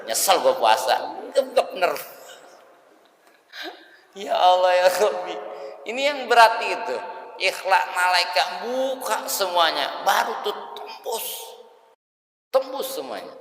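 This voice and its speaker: A man giving a colloquial mosque sermon, telling lively stories with jokes and slangy asides. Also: high-pitched, slow, pauses often. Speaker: kiai teaching a weekly religious study session. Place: mosque hall. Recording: reverberant mosque hall.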